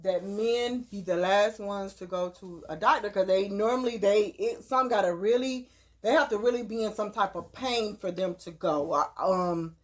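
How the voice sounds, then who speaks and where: A woman's voice: mid-range voice, normal speed. A woman in her thirties talking casually and earnestly, giving advice in a preachy way and often repeating her words. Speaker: host.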